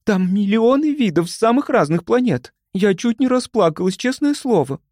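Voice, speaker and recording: A man voicing an excitable young woman who gushes breathlessly. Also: high voice, normal speed, no echo, clean studio sound, pitched above the performer's own voice. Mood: awed. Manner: breathless, gushing. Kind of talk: audiobook character voice.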